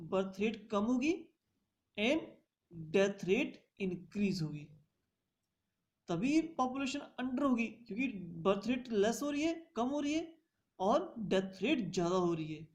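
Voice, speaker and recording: A woman's voice: a little high, animated, a little slow, a little mellow. A woman teaching a revision lecture, reading points out in English and explaining them in Hindi.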